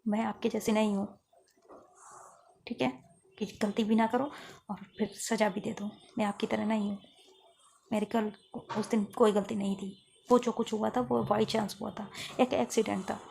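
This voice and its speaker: A wounded young schoolgirl who answers coldly and firmly, as a woman storyteller voices her. Her tone is dark and gravelly, kept level with little rise and fall. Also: medium pitch, flat delivery, moderate pace, long pauses, a little hiss or hum, lightly acted. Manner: firm, scolding. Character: hurt young schoolgirl, firm and cold.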